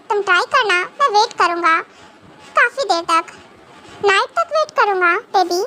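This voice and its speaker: A woman's voice: extremely high pitch, bright, forceful tone, slight background noise, exaggerated voice. A woman voicing a young man soothing his girlfriend on the phone in a fan audio drama, coaxing and reassuring. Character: young female boyfriend type, soothing and teasing.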